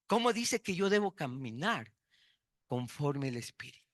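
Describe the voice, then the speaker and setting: A man's voice: on the high side, big pitch swings, moderate pace, no room sound, clean studio sound. A man preaching a sermon, repeating key words for emphasis and telling personal stories.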